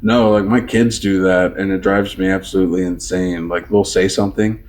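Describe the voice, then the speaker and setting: A man in his thirties co-hosting a casual podcast, rambling with lots of fillers and loudly mimicking conversations. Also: low-pitched, steady tone, moderate pace. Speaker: podcast co-host. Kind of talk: casual chat.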